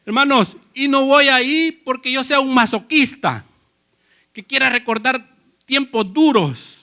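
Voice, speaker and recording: A man's voice: very high-pitched, unhurried, sharp tone. A man preaching a sermon in a conversational way, telling personal stories and asking the congregation questions.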